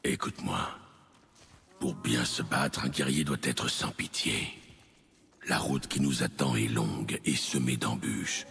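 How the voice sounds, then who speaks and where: Very deep, gravelly warrior father. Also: unhurried, a bit bright, faint music behind, exaggerated voice. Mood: severe. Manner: terse, commanding. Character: stern, gruff warrior father, battle-hardened. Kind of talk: video game acting.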